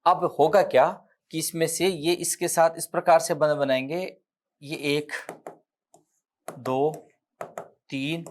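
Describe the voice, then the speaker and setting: A man's voice: on the high side, fairly even intonation, takes it slowly, pauses often. A man with a Rajasthani accent teaching an exam-prep chemistry lecture, explaining step by step, counting aloud and correcting himself as he writes on the board.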